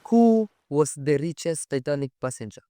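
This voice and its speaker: A Kenyan-accented storyteller hosts from a studio set, speaking to camera in an animated, emphatic, conversational style, repeating phrases and asking rhetorical questions. His fairly high voice has a dark tone and lively intonation at a normal speed.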